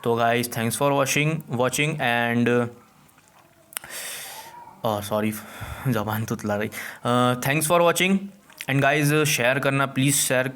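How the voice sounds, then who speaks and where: A man's voice: mid-range voice, a bit bright. A man teaching accountancy in a casual video lesson, chatty, repeating himself, with many fillers and restarts.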